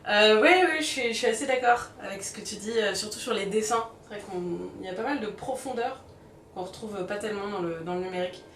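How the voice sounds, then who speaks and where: A woman's voice: medium pitch, fairly quick, fairly bright tone, slight background noise. A woman hosting a film review vlog, speaking in a conversational, explanatory style. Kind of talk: film review, part scripted narration, part casual chat. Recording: roomy, distant mic, faint music.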